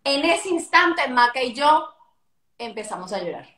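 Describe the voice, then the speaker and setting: High, bright, animated woman in a roomy space. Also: a little slow. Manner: animated storytelling, swears casually. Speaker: actress. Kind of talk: casual live-stream chat. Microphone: phone on a live video stream.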